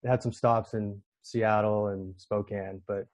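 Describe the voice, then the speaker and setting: A man talking casually as an interview guest, halting and repeating words as he goes. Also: on the low side, level tone, a little mellow. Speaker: podcast guest, real estate appraiser. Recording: dull, muffled lo-fi connection.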